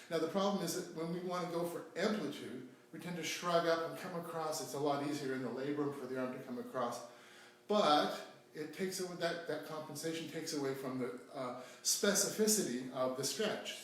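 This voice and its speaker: A man with a somewhat high voice explains stretching technique while demonstrating it, often pausing and restarting his sentences. He stands away from the microphone in a very echoey room, and a faint hum sits underneath. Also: distant mic. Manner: explanatory, halting with frequent restarts and fillers. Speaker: stretching instructor. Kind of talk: home workout demonstration. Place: home room during self-isolation.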